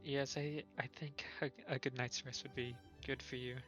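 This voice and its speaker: A man's voice: mid-range voice, level tone, moderate pace, fairly bright tone, soft background music. A man playing a tabletop game, talking in an easygoing way. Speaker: player.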